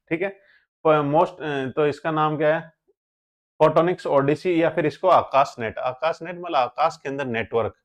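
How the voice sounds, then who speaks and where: A man teaching a current affairs lesson for exam students, explaining step by step and often asking questions before answering them himself. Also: on the high side. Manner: explains step by step, keeps asking rhetorical questions and checking with "theek hai?".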